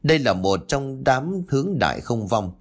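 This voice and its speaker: A man voicing a calm older feng shui master who explains things slowly and evenly. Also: medium pitch, pitched above the performer's own voice. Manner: measured, explaining.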